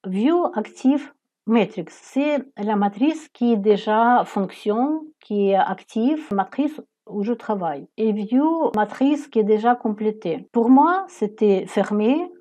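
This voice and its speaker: Ukrainian lady talking thru a website, slow and kinda mellow, lots of euh pauses. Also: mid-range voice, animated. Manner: hesitant, with frequent "euh" fillers and some non-native phrasing. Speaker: business presenter. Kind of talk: screen-share product walkthrough.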